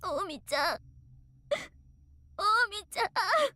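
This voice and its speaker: Casting: frightened young game heroine, very high squeaky bright voice, tearful pleading, slow. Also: female voice, sing-song, dry recording, heavily acted. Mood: calling timidly. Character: terrified young girl sobbing, calling for friends. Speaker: game voice actress. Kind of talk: anime game voice acting.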